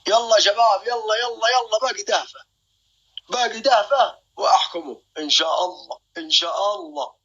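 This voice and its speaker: A man's voice: high-pitched, a little fast, gravelly, a bit bright, breathy edge, dull audio. A young man hosting a live stream. He jokes, boasts and keeps calling out to his viewers.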